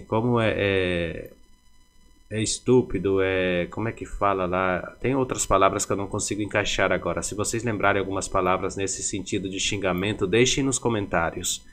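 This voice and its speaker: Guy teaching a language lesson on video, lowish voice, lots of né and é fillers, laid-back explaining. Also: fairly bright tone. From Paraguay. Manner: explains slowly with many fillers and "né?" tags.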